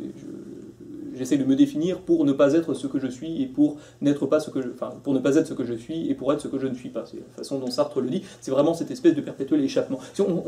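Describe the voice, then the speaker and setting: Chatty philosophy lecturer, mellow voice. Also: male voice, medium pitch. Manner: conversational, with restarts and acted-out quotes. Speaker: philosophy teacher. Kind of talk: live lecture to a class.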